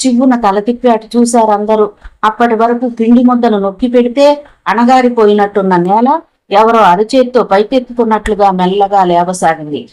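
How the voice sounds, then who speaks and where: A woman's voice: fairly high pitch, moderate pace, a little mellow, poor audio. Woman narrating a novel dramatically.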